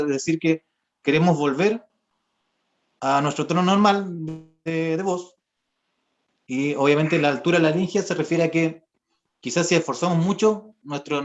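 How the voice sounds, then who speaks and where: A young man, a voice therapist and singer, patiently explaining vocal exercises step by step in an online lesson. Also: fairly high pitch. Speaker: voice therapist and singer giving a workshop. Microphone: video call. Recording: dull lo-fi video call audio.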